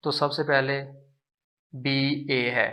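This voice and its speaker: Slow, patient male language teacher. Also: mid-range voice, level tone, sharp tone. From Pakistan. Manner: patient, repeats syllables with drawn-out demonstration. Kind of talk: slow explanatory lesson.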